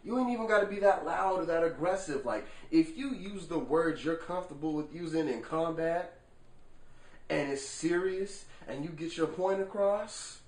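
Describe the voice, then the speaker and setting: A man talking to the camera in a casual vlog monologue, animated and rhetorical, swearing freely and checking in with the viewer. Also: a little high, normal speed. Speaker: vlogger. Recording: echoey room, far from the mic.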